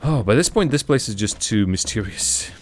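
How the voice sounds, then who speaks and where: A man's voice: lowish voice, expressive. Man chatting casually over game music. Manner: halting, thinking aloud, self-deprecating. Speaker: host of a game playthrough stream.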